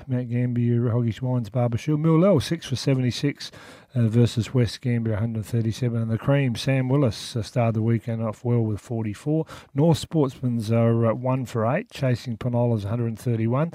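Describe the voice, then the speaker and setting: A man with an Australian accent reports local sport in a soft, mellow voice. He talks colloquially, as in a chatty radio round-up, and the sound is close and dry. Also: mid-range voice, steady tone, moderate pace, no echo. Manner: colloquial, jokey nicknames and slang.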